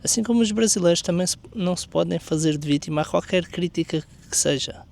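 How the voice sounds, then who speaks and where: Speaking at a quick pace, a Portuguese man with a European Portuguese accent makes an earnest, argumentative case in an opinion monologue full of rhetorical questions. The commentary video creator has a gravelly, slightly mellow voice that sits on the high side.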